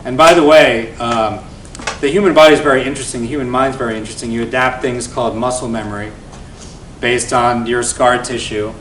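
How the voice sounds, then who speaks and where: Before an audience at an event venue, a venture investor in his forties tells his founder story fairly quickly and with plenty of energy, frequently adding "right?". He's far from the mic in an echoey room, and a low rumble hums beneath.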